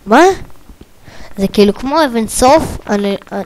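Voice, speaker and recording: A woman giving let's play commentary on her own gameplay, muttering quietly to herself and then breaking into excited bursts of repeated exclamations. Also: fairly high pitch. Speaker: gaming video creator.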